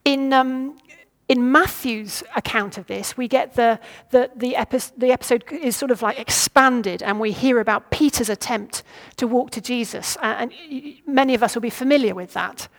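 A woman's voice: a little high, moderate pace, few pauses. A woman preaching a sermon, thinking aloud, putting questions to her listeners and sometimes stumbling over her words. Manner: reflective, asks the listeners questions.

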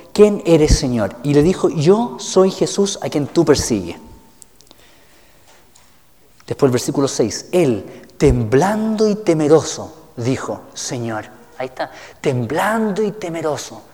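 A man's voice: mid-range voice, a little mellow. A male pastor giving a teaching sermon, reading scripture aloud and asking the listeners questions. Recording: reverberant hall.

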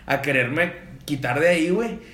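A man's voice: on the high side, normal speed, reverberant. A man telling a funny party story to friends, acting out the voices of people in it and using heavy slang. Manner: animated, acts out quoted voices, heavy slang. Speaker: podcast host. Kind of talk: casual storytelling among friends.

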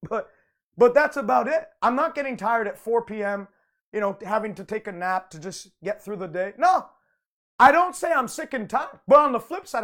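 A man's voice: extremely high pitch, fairly bright tone. A man preaching a conversational broadcast sermon, speaking in fervent, emphatic declarations and often repeating or restarting his phrases.

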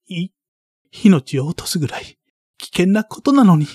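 A man's voice: high-pitched, big pitch swings, normal speed, warm tone, slightly rough, dry recording, studio quality, pitched above the performer's own voice, exaggerated voice. A man voicing a distressed young boy who demands answers in a raised, pleading voice.

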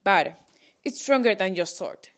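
A woman's voice: medium pitch, lively intonation, measured pace, lightly acted. A woman reading aloud, voicing a serious, commanding old lord in a storybook. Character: wise stern old male lord.

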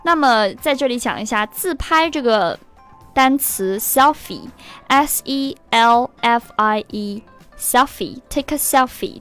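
A woman teaching English through song lyrics, slowing down to repeat and spell out words. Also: fairly high pitch, fairly bright tone.

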